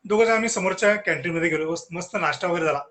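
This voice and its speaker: A man giving a humorous storytelling lecture at a lecture series, animated and acting out the dialogue. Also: high-pitched, rapid-fire. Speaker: guest speaker at a lecture series.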